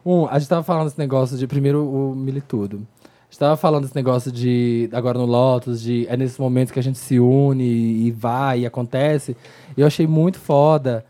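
Mid-pitch, mellow tone, chatty, laughs easily. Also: steady tone, a little fast. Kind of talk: casual chat.

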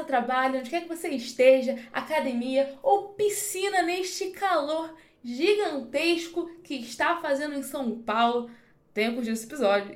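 A woman host with a voice sitting a little above the usual, bright and chatty, laughing between phrases. Her voice rings back off the walls of an empty, bare home. It sounds like a casual podcast sign-off. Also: a little high. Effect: echo of an empty room. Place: empty newly moved-into home. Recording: echoey voice in a bare empty room.

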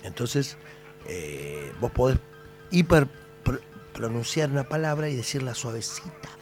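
A middle-aged Argentine man, a singer, talks in a relaxed radio chat, his voice sitting at an ordinary pitch. He tells stories with animation and often trails off into hesitant pauses. Music plays clearly in the background of the studio. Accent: Argentine Spanish. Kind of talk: casual radio interview chat.

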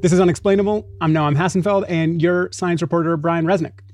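A man's voice: fairly high pitch, fairly even intonation, fairly quick, music in the background. A man hosting a podcast in a casual interview style, asking questions conversationally. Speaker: podcast host.

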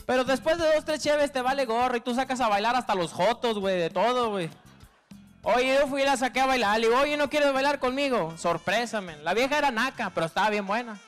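A man with a northern Mexican accent doing a crude stand-up comedy monologue, heavy on slang, who acts out women's lines in a higher squeal. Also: quick pace, fairly bright tone, soft background music. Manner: crude slangy storytelling, constant filler tag.

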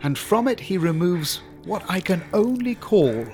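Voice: mid-range voice, lively intonation, measured pace, background noise. A storyteller giving a campy, melodramatic comic narration of a gruesome tale.

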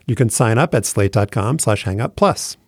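Man, podcast host, conversational presenting, dry wit, creaky voice, close dry sound. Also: fairly low pitch, lively intonation, moderate pace, no room sound.

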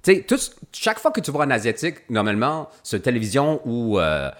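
A man's voice: mid-range voice, sing-song, a little fast. A middle-aged English-speaking Canadian man, a guest actor, speaking French in a casual podcast interview with many fillers and restarts.

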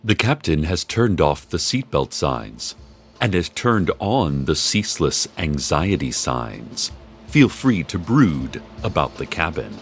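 A deadpan radio host of an eerie town. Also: male voice, slow pace, faint music behind, full character voice. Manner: dry, deadpan delivery with lively swings in pitch. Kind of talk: scripted radio drama narration.

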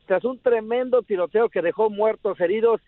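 A man giving a formal news update to a radio host, speaking fluently and clearly. His voice is very high, heard dry and thin over a tinny phone line. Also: normal speed, no echo. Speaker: news correspondent.

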